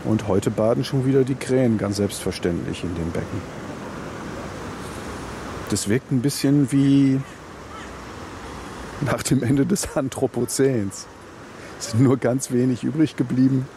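A man giving measured, matter-of-fact and reflective observations of the scene around him outdoors. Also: mid-range voice. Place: outdoors at a public pool. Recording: noisy outdoor location recording. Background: outdoor ambience with clear noise.

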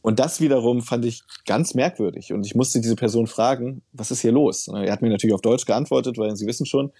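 Male researcher, measured and explanatory, warm husky tone, dry studio sound. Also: medium pitch, no room sound. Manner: thoughtful, explanatory, uses fillers. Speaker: work researcher, author. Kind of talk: interview answers.

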